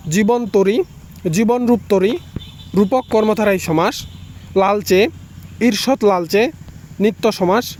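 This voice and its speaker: A young man tutoring students, briskly walking through exam answers one by one. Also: sits high, darkish tone, slight background noise. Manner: brisk, lists answers in quick runs.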